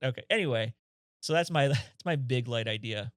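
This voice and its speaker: A man chats loosely on a comedy podcast, wandering through ideas and tripping over his own restarts. His voice sits in a middling male pitch. The sound is dry with no room echo. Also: a bit bright. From Detroit area. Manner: rambling, halting, many fillers and restarts. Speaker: podcast co-host. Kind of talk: casual chat.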